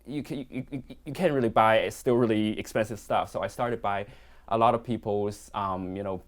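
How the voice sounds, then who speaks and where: A watch collector from Hong Kong is a guest in a casual interview, speaking in a low voice with a steady tone at a moderate pace. He comes across as modest and hesitant, with many fillers and restarts.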